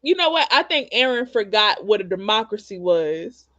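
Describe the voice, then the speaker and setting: A woman hosting a casual chat over a video call, arguing in an animated, defensive way. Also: mid-range voice, moderate pace, highs cut off. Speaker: host.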